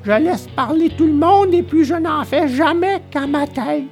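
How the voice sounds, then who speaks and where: Pinocchio, a high wailing puppet boy. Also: unhurried, creaky, soft background music, full character voice. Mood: desperate sobbing. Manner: wailing, pleading, sobbing. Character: wooden puppet boy, stubborn, terrified.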